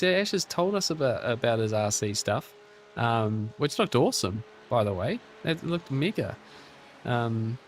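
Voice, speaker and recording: A man hosting a casual live stream, chatting with viewers and a teammate in a relaxed way, full of restarts and fillers. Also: mid-range voice, a little hiss or hum. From New Zealand. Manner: relaxed and chatty, with frequent restarts and fillers while reading chat aloud; friendly, encouraging teammate. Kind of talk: casual live-stream chat over sim racing.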